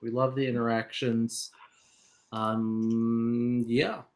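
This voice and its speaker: A man hosts a casual livestream chat with a dry, self-mocking delivery. He sits in the middle of the male pitch range and keeps his energy low-key while speaking over a video call. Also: little pitch movement, drawn-out words, a little mellow. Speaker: livestream host.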